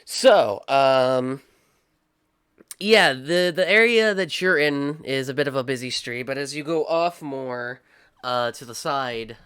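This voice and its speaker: A man's voice: medium pitch, slow, a bit bright, smooth, dry recording, clean studio sound. A young man narrating as game master of a tabletop game, talking casually with many fillers.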